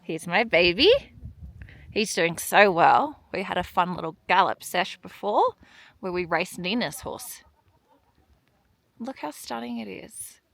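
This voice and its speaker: A woman's voice: on the low side, measured pace, gravelly, pauses often, fairly bright tone. A young woman vlogging casually from a mountain trek, chatty and bubbly, often laughing. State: out of breath from altitude. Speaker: travel vlogger. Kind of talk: casual vlog narration. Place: outdoors on a mountain horse trek, then indoors.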